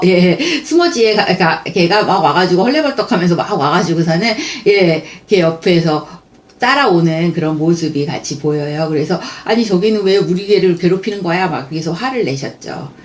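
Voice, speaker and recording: A woman teaching a picture book lesson, asking her listeners questions, often restarting words and acting out short quoted lines. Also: mid-range voice. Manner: lively explanatory talk with frequent self-corrections.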